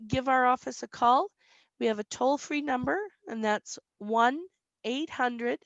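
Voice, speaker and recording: A woman insurance broker answers questions in a webinar, explaining plainly and saying "um" often. Her slightly squeaky voice has vocal fry, and the lo-fi recording has no echo.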